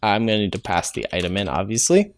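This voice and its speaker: Low-pitched, gravelly and very animated, this man talks fast as he walks through code live in a casual programming tutorial. He reasons aloud with frequent "uh"s and self-corrections over keyboard clicks and typing, and a little hiss or hum is audible.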